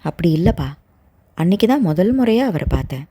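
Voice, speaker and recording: Anxious young woman in love, hesitant and pleading, for an audio novel, read by a woman narrator; lively, mellow tone. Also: lowish voice, fairly quick, a little hiss or hum.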